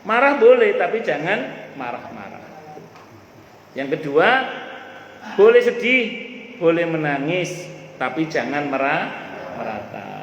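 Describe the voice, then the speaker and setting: A male preacher, giving a lively religious talk in casual speech to a live audience, repeating his main points. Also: fairly high pitch, takes it slowly, long pauses, highs cut off. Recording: echoey hall with faint room noise.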